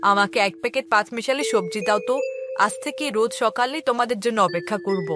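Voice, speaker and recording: A woman voicing a friendly middle-aged village aunt who chats quickly while buying vegetables, over background music. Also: a little high, lightly acted. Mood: chatty.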